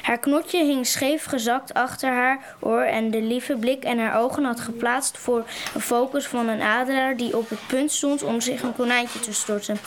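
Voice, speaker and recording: Woman reading a book out loud, higher voice, trips over words, bit of hiss. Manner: stumbling reading with restarts. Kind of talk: reading a book passage aloud.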